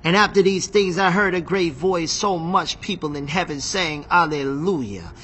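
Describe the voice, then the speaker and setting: Excitable man teaching scripture, bright voice. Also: a little high, moderate pace, slightly rough. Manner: excitable, emphatic, repeats phrases, reads scripture aloud. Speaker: Bible teacher. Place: seated in a chair.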